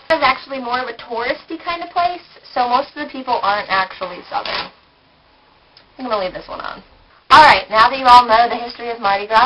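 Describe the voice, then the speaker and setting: A woman's voice: a little high, dull audio, slight background noise. A woman vlogging at her desk, chatty and playful, poking fun at herself as she shows her things. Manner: chatty, playful, self-deprecating. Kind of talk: casual vlog talk.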